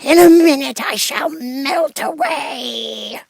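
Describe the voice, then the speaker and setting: An old wicked witch from a storybook, played by a male narrator. The voice is pitched up and stretches words out in a cunning, theatrical wail. The recording is dry, with little room sound. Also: gravelly, no echo, heavily acted. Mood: wailing, despairing. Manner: drawn-out, cackling, wailing delivery.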